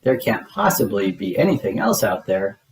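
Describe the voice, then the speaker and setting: A man voicing a big, gentle, curious childlike bird in a storybook, innocent and exclamatory. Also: on the low side, very animated, normal speed, pitched below the performer's own voice, poor audio. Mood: reassuring.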